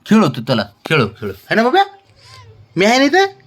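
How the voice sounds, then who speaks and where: A man soothing his pet in gentle baby talk, coaxing it and repeating calm reassurances over and over. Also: high-pitched, brisk. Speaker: pet owner vlogger.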